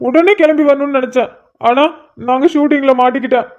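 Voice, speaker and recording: Woman voicing a tearful young man, very high-pitched. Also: fairly even intonation, brisk, a little mellow, natural voice. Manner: emotional, pleading, sniffly. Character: tearful sentimental young man meeting an old friend. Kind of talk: cartoon voice acting. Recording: slightly muffled lo-fi audio.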